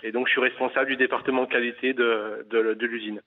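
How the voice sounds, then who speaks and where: A man's voice: mid-range voice, little pitch movement, fast. A man from Paris calling in to a radio show, talking hesitantly with many fillers and restarts. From Paris, France. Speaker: caller. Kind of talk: phone interview. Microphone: telephone. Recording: tinny phone line.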